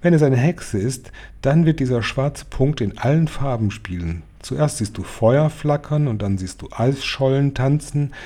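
A man's voice: medium pitch, lively intonation, measured pace, hardly any pauses, dark tone, voice pushed up. A man doing a grave old grandmother. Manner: grave, matter-of-fact warnings. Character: stern, knowing old grandmother.

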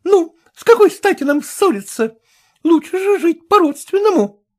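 A woman putting on a shrill, grasping widow-aged haggler. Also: expressive, normal speed. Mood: haggling, insistent.

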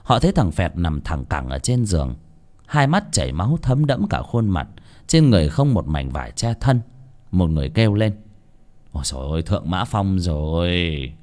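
A man narrating a horror story in an expressive, dramatic way. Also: deep voice, moderate pace. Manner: expressive, swooping intonation. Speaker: audiobook narrator.

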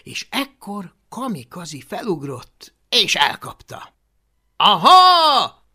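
An audiobook narrator telling a children's tale with a lively, swinging delivery. The voice is bright and carries a gravelly texture. It keeps the story moving with animated reading. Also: mid-range voice. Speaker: audiobook reader.

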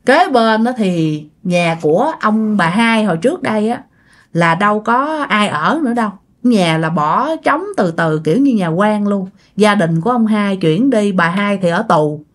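A woman's voice: mid-range voice, animated, measured pace. A woman telling a ghost story in a chatty way, speaking directly to her listeners. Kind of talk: casual ghost story narration.

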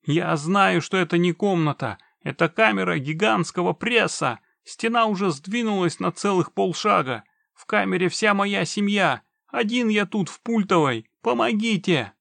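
A man's voice: high-pitched, lively intonation, unhurried, gravelly, no room sound, voice pushed up, full character voice. A man voicing a panicked, trapped middle-aged man who screams and begs for help. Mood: panicked screaming. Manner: screaming, pleading desperately.

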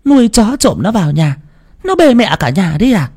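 A shrill, cranky old village wife. She nags and bickers in a high, strained tone, her voice swinging wildly. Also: very animated, moderate pace, darkish tone, slightly rough, exaggerated voice. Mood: scolding.

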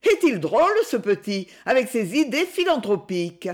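A woman's voice: very animated, measured pace. A woman doing a sneering spiteful young woman. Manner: sneering, shrill, scornful.

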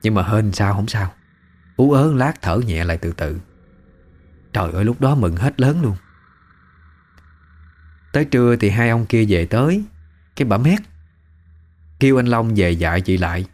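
A man's voice: fairly low pitch, expressive, moderate pace, long pauses, a little mellow. A man with a Southern Vietnamese accent narrating a first-person family story in a conversational, emotive way.

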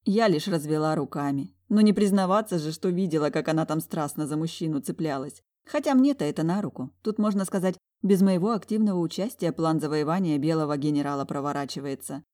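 A woman with a fairly low voice reads a fantasy novel aloud in the first person. Her storytelling is wry and lively. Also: brisk, hardly any pauses. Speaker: audiobook narrator.

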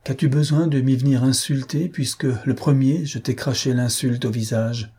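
A man voicing a jealous, furious young marquis who shouts in rage and scorn. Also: mid-range voice, fairly even intonation, normal speed, husky, voice pushed up.

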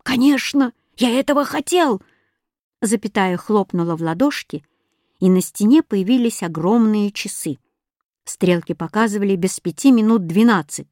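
A woman reading a children's story aloud in a lively, expressive manner. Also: medium pitch, normal speed, dry recording, studio quality. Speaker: reader.

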